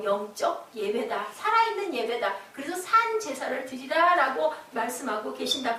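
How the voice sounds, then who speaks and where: A woman pastor preaching a lively sermon in a church, quizzing the congregation with call-and-response questions. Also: sits high, far from the mic, a little hiss or hum. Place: church sanctuary. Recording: echoey church hall from afar.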